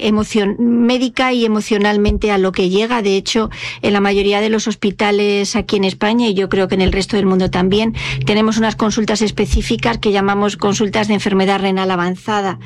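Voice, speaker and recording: A woman's voice: medium pitch, flat delivery, fairly quick, no echo. Casting: female doctor as studio guest, mid-range voice, dry sound, explaining step by step. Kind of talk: explanatory interview answer.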